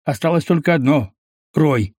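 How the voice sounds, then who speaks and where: A cowardly, jittery scavenger, put on by a male audiobook reader, pleads and explains in a high, strained voice that keeps rising in fear. The sound is dry and close, with no room around it. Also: animated, normal speed, a little mellow, slightly rough, dry recording. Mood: nervous explaining.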